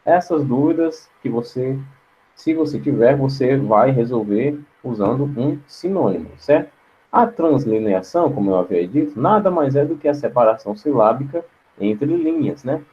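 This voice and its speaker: A man's voice: medium pitch, lively intonation, moderate pace, mellow. Man teaching a class, dull audio. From Brazil. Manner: explanatory, repeats words to show pronunciation; frequent checking tags. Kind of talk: online class lecture.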